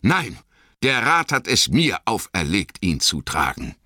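A man voicing a small, frightened but stubborn hobbit who refuses quietly and firmly. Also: on the low side, wildly swooping pitch, unhurried, dry recording, clean studio sound, voice pushed up, full character voice. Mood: firm refusal.

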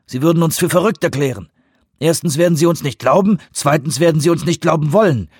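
A man voicing a blunt, combative male CIA director in an audiobook reading, brusque and forceful. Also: on the high side, quick pace, breathy edge, no room sound, studio quality, voice pushed up.

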